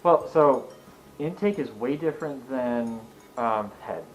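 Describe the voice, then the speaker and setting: A man's voice: medium pitch, takes it slowly, low-quality recording. A man chatting casually about cars in an emphatic, explanatory, jokey way. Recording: music in the background.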